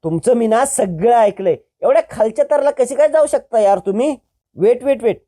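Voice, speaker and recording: A storyteller voicing a young woman in a family drama who angrily accuses her relatives, with sharp, scolding outbursts. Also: mid-range voice, a little fast, close to an everyday voice. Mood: angry accusing.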